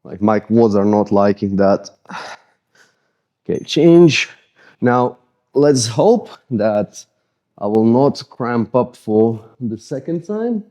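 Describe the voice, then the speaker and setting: Relaxed Eastern European coach, mellow voice. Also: male voice, lowish voice, slow. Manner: casual, self-deprecating, relaxed coaching. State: sweaty after a workout. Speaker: fitness coach. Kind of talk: follow-along mobility instruction.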